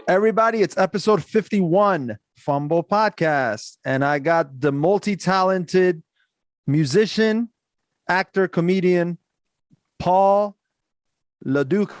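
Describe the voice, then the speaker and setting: A young man hosts a podcast in easy, upbeat chat, quick to laugh. His voice sits fairly high and sounds dry and close, with no room around it. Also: clean tone, no echo. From Iran. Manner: upbeat, chatty, laughs often. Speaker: podcast host.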